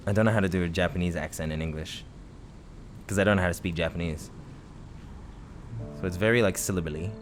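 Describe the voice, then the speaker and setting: A man hosting a let's play, chatting casually with lots of laughs and rambling restarts. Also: deep voice. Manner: rambling, laughing, self-correcting. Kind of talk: casual gameplay commentary. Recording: game music playing behind.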